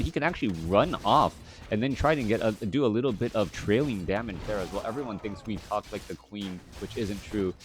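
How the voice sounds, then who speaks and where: Male caster, thirties, slightly low voice, chatty and rambling, live game commentary. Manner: rambling, chatty, many restarts and filler words.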